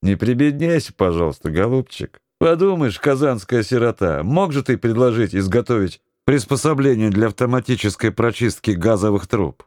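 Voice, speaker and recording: A man doing a calm, ironic young sailor. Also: medium pitch, no room sound, studio quality, voice pushed up, lightly acted. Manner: measured, ironic, firm.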